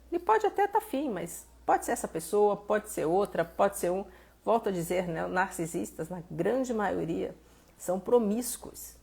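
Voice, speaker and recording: A Brazilian woman therapist talking casually on a live stream, reading out viewers' messages and answering them with animated, acted-out exclamations. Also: fairly low pitch, creaky, breathy edge. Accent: Brazilian Portuguese. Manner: animated, conversational, reads viewer messages aloud and acts out exclamations.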